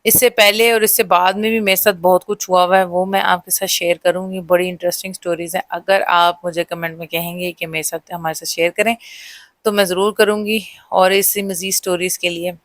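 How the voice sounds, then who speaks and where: A woman's voice: lowish voice, level tone, no echo. Young woman, dramatic horror storytelling, talks to viewers, dry close sound. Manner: dramatic, speaks directly to viewers. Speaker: storyteller vlogger. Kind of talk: first-person horror storytelling.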